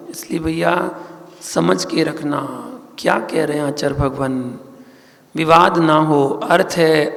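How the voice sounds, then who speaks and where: A man, a Jain monk, giving a sermon, teaching slowly with repeated phrases and questions to his listeners. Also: fairly high pitch, gravelly, fairly bright tone, big-room sound. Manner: slow, repetitive teaching with questions to the audience.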